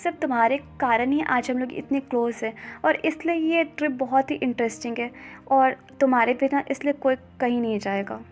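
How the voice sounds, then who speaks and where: A woman voicing a gentle, loyal young man who reassures his friend. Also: very high-pitched, fairly quick, faint music behind. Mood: earnest.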